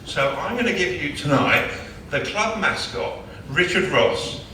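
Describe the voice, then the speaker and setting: A man's voice: a little high, sing-song, a little slow, heavy background noise. A man, a club chairman, gives a chatty, joking after-dinner award speech. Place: large banquet hall. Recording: echoey hall, distant mic.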